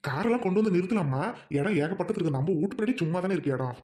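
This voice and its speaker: Brief: humble village brother, acted by a woman, low and dark, quick earnest talk. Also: expressive, slightly rough. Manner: earnest, pleading, affectionate. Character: poor, kind-hearted village older brother. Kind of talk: family drama skit.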